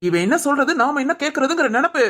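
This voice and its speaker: A voice actor playing an angry young husband in a cartoon, scolding his wife in a sharp, bossy way. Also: high-pitched, very animated, fast. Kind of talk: cartoon voice acting.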